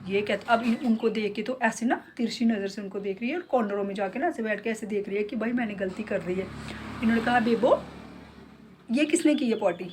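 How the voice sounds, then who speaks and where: A woman's voice: mid-range voice, steady tone, fast talker, a little mellow. A middle-aged woman with a Jammu accent, a beauty salon owner chatting casually and heartfelt in her vlog. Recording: noisy background.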